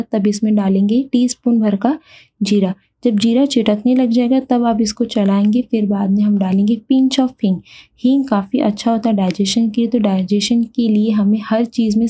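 A woman's voice: mid-range voice, dark tone, breathy edge, low-quality recording. A woman narrating a cooking tutorial, explaining each step in order and speaking directly to viewers. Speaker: cooking instructor.

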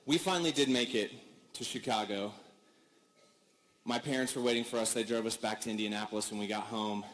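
A man giving a commencement speech, telling a story in an animated, comic way and acting out the people in it. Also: lowish voice, fairly quick, a little hiss or hum. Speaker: commencement speaker.

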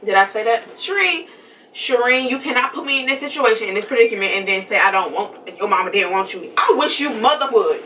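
A woman's voice: mid-range voice, fast, hardly any pauses, sharp tone. A woman arguing heatedly with her partner, blunt and angry, repeating herself and threatening. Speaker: vlogger, prank target. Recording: distant mic with faint noise.

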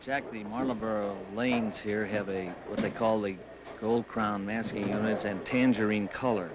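A man with a lowish voice offers color commentary on a bowling match. He talks haltingly, trailing into fillers and restarts. The sound is muffled and hissy, like old broadcast audio. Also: fairly even intonation.

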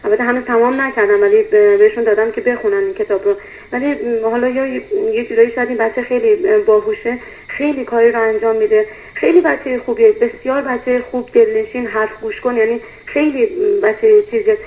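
A woman's voice: fairly high pitch, steady tone, slight background noise. A woman calling in with a question, hesitant and full of fillers. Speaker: caller. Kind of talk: phone-in question. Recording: tinny phone line.

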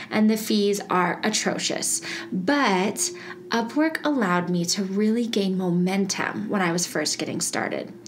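A bubbly, talkative podcast host laughs a lot as she addresses her listeners on her own casual solo show. She speaks at a medium pitch, and there's slight background noise.

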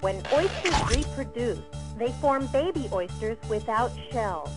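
A bubbly middle-aged ex-cruise director calling in by phone, high and bouncy, music under it. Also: female voice, expressive, a little slow. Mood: chatty. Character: a friendly, slightly puzzled former TV cruise director, middle-aged woman. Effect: heard over a phone line on a collect call. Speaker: celebrity guest caller.

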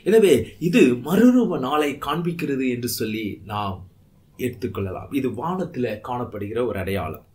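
A man's voice: medium pitch, very animated, moderate pace, darkish tone. A man preaching a Bible study sermon in Tamil, reading verses aloud and stressing points with rising emphasis. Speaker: pastor.

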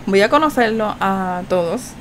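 Woman, gaming host, chatty running commentary with lively reactions, mid-range voice, faint hiss behind. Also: mid-range voice, moderate pace. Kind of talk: casual gameplay commentary.

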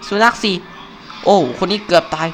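At a normal pace and with a slightly bright voice, a young man hosts a live Let's Play for his gaming channel. He stays chatty and playful, joking and exclaiming throughout, captured on a home mic live over the gameplay.

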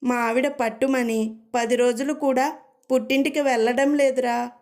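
A wry, henpecked married man complaining about his wife, read out by a woman. The voice is fairly high and close to her own. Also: fairly even intonation, moderate pace, a little mellow, lightly acted.

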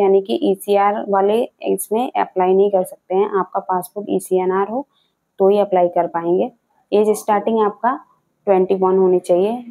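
A woman's voice: medium pitch, mellow, rough recording. A young woman from India hosting a job vacancy channel, explaining the details to camera and repeating the key points, recorded indoors on a clip-on mic. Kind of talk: informational video talk to camera. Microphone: clip-on mic seen on scarf.

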